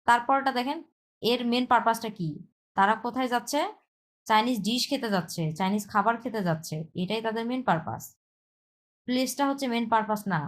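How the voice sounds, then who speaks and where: A woman, a Bengali speaker, teaches an online Chinese lesson, explaining step by step and often checking with a quick "yes". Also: fairly high pitch. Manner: explains step by step, repeats herself, checks with "হ্যাঁ".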